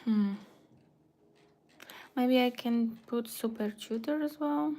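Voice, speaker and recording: Murmuring half to herself while she builds a website on a livestream, a woman from Bulgaria thinks aloud casually, frequently sinking to a near whisper. She speaks slowly in a warm voice on the high side.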